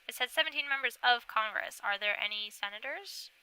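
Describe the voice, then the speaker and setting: A young woman streaming live, chatting casually into a desk mic, reading names aloud and thinking out loud about each one. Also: fairly high pitch, a little fast, clear, resonant tone, low-quality recording. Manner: chatty, thinks aloud, reads a list of names and checks her pronunciation. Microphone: desk microphone.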